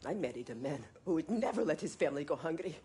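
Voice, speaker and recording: A woman playing a long-suffering, protective mother in a video game drama, with a breathy voice and careful, formal phrasing. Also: deep voice, lively intonation, fast talker, warm tone, slight background noise. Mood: defiant. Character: gentle but defiant, long-suffering mother and wife.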